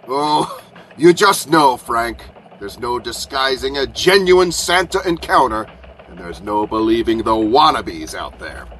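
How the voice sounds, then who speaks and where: A man's voice: mid-range voice, expressive, a little slow, fairly bright tone, slight background noise. A man playing an eager, self-assured Christmas elf reporter in a scripted mock radio news report, speaking emphatically. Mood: knowing. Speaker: elf reporter at flight command.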